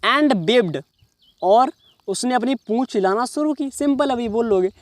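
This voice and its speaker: High-voiced man teaching English in Hindi. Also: no room sound. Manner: reads English words slowly, then explains each in Hindi; keeps checking the listener with "समझ रहे हो". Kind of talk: English reading lesson explained in Hindi.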